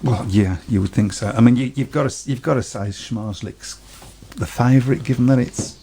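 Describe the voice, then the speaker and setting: Gravelly, mellow co-host, chatty and a bit hesitant, quick to laugh. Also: male voice, mid-range voice, a little hiss or hum. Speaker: podcast co-host. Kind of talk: casual sports chat.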